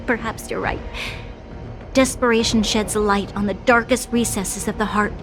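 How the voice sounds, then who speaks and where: A woman's voice: fairly high pitch, fairly even intonation, unhurried, natural voice. A woman playing an earnest, resolute young noblewoman guardian with solemn, dramatic delivery in an anime game dub. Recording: music behind voice.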